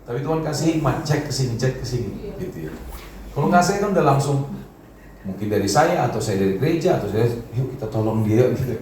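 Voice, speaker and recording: A male pastor preaching a sermon in a relaxed, conversational way, with sudden swings up in pitch. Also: fast, slight background noise. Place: large church hall. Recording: very echoey hall from far off.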